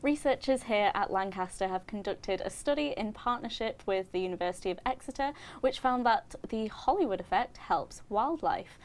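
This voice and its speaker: A young woman presenting student TV news from a studio, then chatting in a lively, upbeat way with her co-presenter. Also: medium pitch, normal speed, few pauses. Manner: chatty and upbeat, laughs easily.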